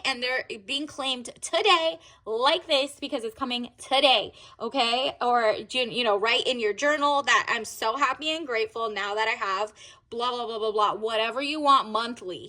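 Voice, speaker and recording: A woman's voice: high voice, pushed and bright. A woman hosting a casual tarot reading for viewers, chatty and slangy, with encouraging talk. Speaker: tarot reader and channel host.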